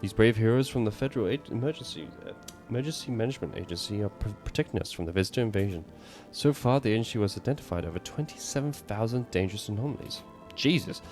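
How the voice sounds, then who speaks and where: A man's voice: lowish voice, animated, fast, hardly any pauses, a little mellow, soft background music, lightly acted. A man reading a male emergency-agency broadcast announcer in a horror game, delivering upbeat propaganda.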